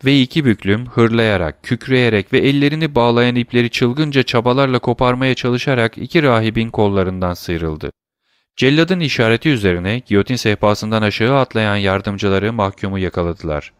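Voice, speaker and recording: A man narrating a classic novel as an audiobook in a measured, steady reading. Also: medium pitch, clean tone, no echo, clean studio sound.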